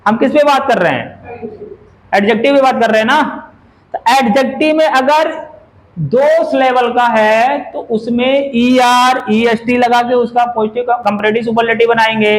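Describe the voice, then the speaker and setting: A man teaches a grammar class in a very high, steady voice at a moderate pace, captured on a low-quality recording. He constantly quizzes his students and repeats words over and over as drills.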